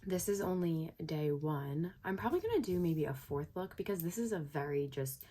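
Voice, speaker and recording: A woman talking casually about makeup in a relaxed, rambling way. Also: low-pitched, normal speed. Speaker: makeup vlogger. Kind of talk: casual chat.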